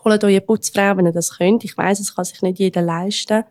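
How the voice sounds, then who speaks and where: A young woman with a Swiss German accent co-hosts a podcast in candid, chatty conversation. She laughs easily and speaks at a middling pitch. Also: steady tone, fairly quick, a little mellow. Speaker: podcast co-host. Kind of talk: casual chat.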